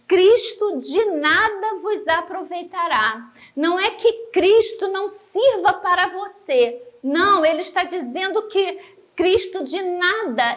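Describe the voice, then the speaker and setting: A woman with a Brazilian Portuguese accent teaching a church Bible lesson, emphatic, slowing down to stress key words and addressing listeners as brothers. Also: very high-pitched.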